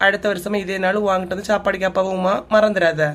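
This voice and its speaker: A woman's voice: medium pitch, steady tone, brisk, close to an everyday voice. A woman voicing a teasing woman in a cartoon comedy, with a Kanyakumari Tamil accent, making dry, mocking remarks.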